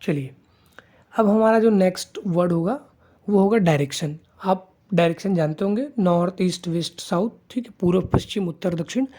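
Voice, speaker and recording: Patient man teaching, mellow voice. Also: sits high. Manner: patient, checks in with 'theek hai?' after nearly every phrase; repeats words slowly for listeners to copy. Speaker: language teacher. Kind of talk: online language lesson.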